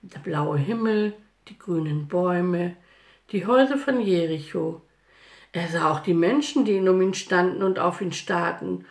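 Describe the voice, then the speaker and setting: A woman narrating a children's Bible story in an expressive, lively storytelling manner. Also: lowish voice, unhurried, vocal fry. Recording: roomy echo.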